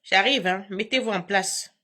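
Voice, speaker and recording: A woman's voice: mid-range voice, measured pace, sharp tone. A woman hosting a casual live stream from home on her phone, talking in a combative, emphatic way with frequent laughs.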